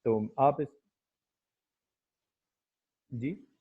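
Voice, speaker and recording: A man giving a phonetics lecture, hesitant, filling pauses with "okay" and slowly demonstrating sounds. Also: medium pitch, slightly rough. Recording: muffled lo-fi recording.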